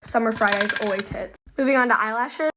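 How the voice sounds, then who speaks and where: A woman's voice: fairly high pitch, fairly quick, background noise. A woman casually talking through her makeup routine and reviewing products as she applies them. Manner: casual product commentary with fillers. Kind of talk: makeup tutorial chat.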